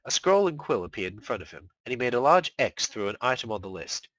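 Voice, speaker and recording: A man reading fan fiction aloud live in an expressive storytelling manner. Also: medium pitch, fast talker, dry recording, poor audio. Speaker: fanfiction reader.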